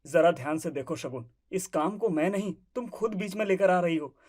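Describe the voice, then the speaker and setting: A woman's voice: fairly low pitch, moderate pace, lightly acted. A woman voicing a shy grumbling young husband. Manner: gently grumbling, placating. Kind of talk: family drama acting.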